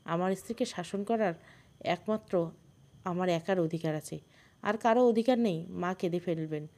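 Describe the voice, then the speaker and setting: A woman's voice: on the low side, normal speed, darkish tone, natural voice. Woman voicing a cold, threatening young husband.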